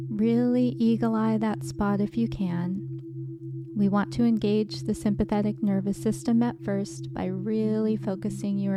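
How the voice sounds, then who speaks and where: Slow-paced woman guiding hypnosis. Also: mid-range voice, noisy background. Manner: soothing, unhurried, gentle instructing. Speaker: hypnosis guide. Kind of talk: guided hypnosis relaxation narration.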